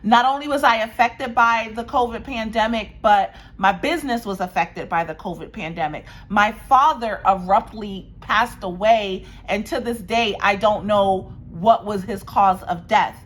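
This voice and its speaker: A woman in her forties, a realtor from Washington, D.C., speaks at a measured pace with hardly any pauses in a medium-pitched voice. Talking casually to camera about the market from her dining room by a windy patio, she's emphatic, repeats phrases, and says "guys" to viewers.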